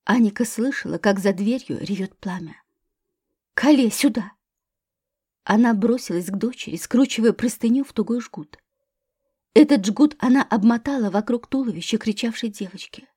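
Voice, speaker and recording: Woman audiobook narrator, tense and measured, higher pitch, dry close sound. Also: mellow, breathy edge, dry recording. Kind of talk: scripted thriller narration.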